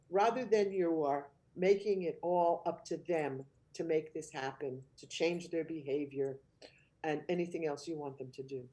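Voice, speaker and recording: Woman with a mellow, calm teaching voice. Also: on the low side. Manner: calm, earnest explanatory delivery with gentle modeled phrases. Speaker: child care trainer. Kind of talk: instructional webcast talk.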